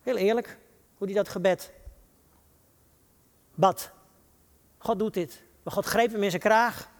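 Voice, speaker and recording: A man with a Dutch accent preaching a sermon, reading scripture quotes slowly and building to dramatic rises. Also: sits high, long reverb tail.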